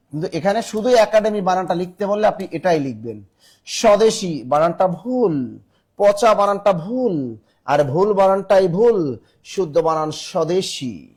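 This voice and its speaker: A male teacher with a Bangladeshi Bengali accent runs a live online spelling class in a high-pitched voice. He spells words out letter by letter and keeps pressing his students to answer quickly. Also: darkish tone. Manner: brisk, urging students to answer fast.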